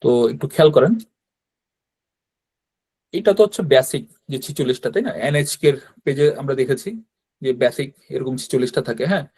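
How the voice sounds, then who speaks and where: A man's voice: medium pitch, brisk, pauses often, darkish tone, breathy edge, dry recording. A man with a Bangladeshi Bengali accent teaching beginners in an online class, explaining patiently and often checking in with "right?". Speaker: Japanese language teacher. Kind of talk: online class with screen sharing.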